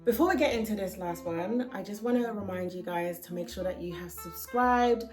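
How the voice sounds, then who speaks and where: A woman's voice: medium pitch, normal speed, soft background music. A young woman vlogging to camera, earnestly sharing heartfelt advice with casual fillers. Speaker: hair vlogger. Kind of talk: casual talking-to-camera vlog.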